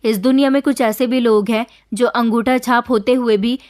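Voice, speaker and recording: Woman narrating a story, slightly high voice. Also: fairly even intonation, moderate pace, a little mellow. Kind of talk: scripted first-person story narration.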